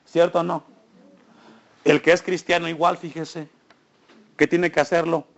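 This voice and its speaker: A man's voice: on the high side, flat delivery, unhurried, gravelly, highs cut off. A male pastor preaching a sermon in a church, asking the congregation frequent questions and building emphasis.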